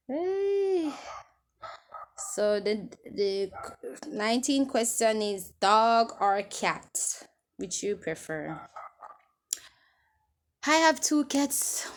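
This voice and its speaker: A woman in her twenties with a medium-pitched voice chats casually to camera, answering viewer questions. She rambles and restarts when she loses her train of thought, and there's a little hiss or hum on the audio.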